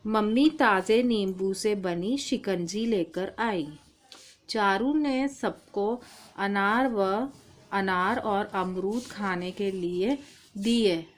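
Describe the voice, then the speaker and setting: A woman's voice: mid-range voice, extremely slow. A woman teaching a primary-school language lesson, patiently calling the child "beta". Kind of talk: slow, deliberate primary-school Hindi lesson.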